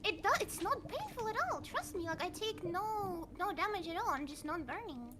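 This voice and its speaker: A woman's voice: very high voice, animated, normal speed, noisy background. A woman doing in-character game roleplay, stammering and repeating her words as she talks.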